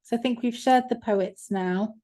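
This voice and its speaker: A woman's voice: a little high, normal speed, mellow. A woman co-hosting an online event, thanking performers and reading out comments with frequent ums. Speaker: event co-host.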